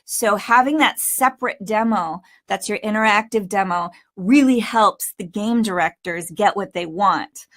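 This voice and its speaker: In this informal tutorial, a woman acting as a voice coach talks forcefully, stressing pauses and adding asides. Her voice is medium in pitch with a fairly bright tone.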